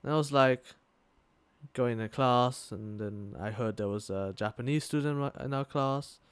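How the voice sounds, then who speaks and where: Heard with no room sound, a young man speaks in a clean, mid-range voice at a moderate pace. As co-host of a casual podcast, he rambles through a tale, swearing often and restarting himself amid lots of fillers. Thailand is his home, and he goes to school there.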